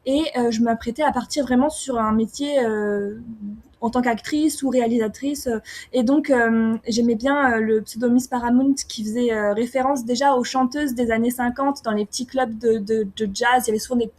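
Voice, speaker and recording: A young woman from France answering interview questions casually, often pausing with fillers and restarting her sentences. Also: a little high, steady tone, a little mellow. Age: young adult. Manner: hesitant, many fillers and restarts. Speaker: singer-songwriter guest.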